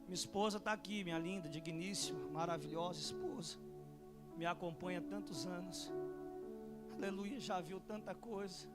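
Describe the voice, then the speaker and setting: A man's voice: steady tone, normal speed. A man, a pastor who preaches fervently and tells a personal testimony in front of a church congregation. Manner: shouting fervently, then telling a testimony in a low voice. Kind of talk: preaching a sermon. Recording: sermon with music underneath. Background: music playing.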